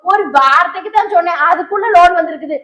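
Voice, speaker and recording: A woman's voice: very high-pitched, quick pace, echoey room, muffled recording. A woman playing a fussy, doting village mother in a comic sketch, exclaiming and haggling. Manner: exclaiming, fussing, bargaining loudly. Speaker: comedy skit actor.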